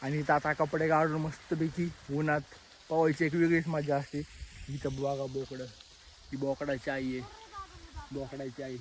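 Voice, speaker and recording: A young man from Maharashtra, India, films a casual village vlog outdoors, chatting with his viewers as if they were friends. His voice is fairly high and level at a moderate pace, and the outdoor phone recording has loud background noise.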